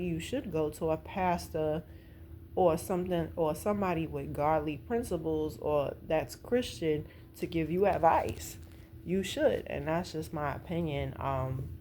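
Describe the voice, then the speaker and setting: An American woman vlogger reviews a stage play, casually recounting its plot with her own opinions, slang, and acted-out quotes. Her voice is deep with a darkish tone, and there's a little hiss or hum in the recording.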